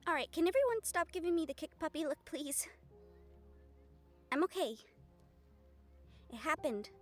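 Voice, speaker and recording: In an intimate audio roleplay drama, a woman plays a young fiancée who is guarded and protective, sounding weary as she speaks earnestly and emphatically with deliberate pauses. Her voice is high-pitched with big pitch swings, set against soft background music.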